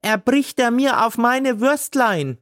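A woman's voice: mid-range voice, measured pace, gravelly, no echo, studio quality, pitched above the performer's own voice. A man reading a story aloud and voicing a woman sausage vendor who scolds and shrieks in indignant outbursts. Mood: outraged.

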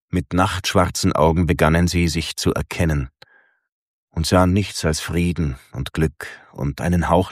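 Very deep, slow male narrator. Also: no echo, studio quality. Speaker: audiobook narrator. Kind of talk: scripted narration.

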